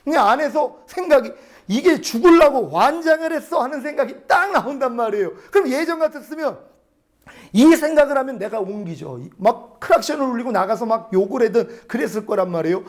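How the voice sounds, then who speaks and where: Lively high-voiced male pastor. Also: brisk. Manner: animated storytelling, quotes God and himself in dialogue. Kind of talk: testimony sermon.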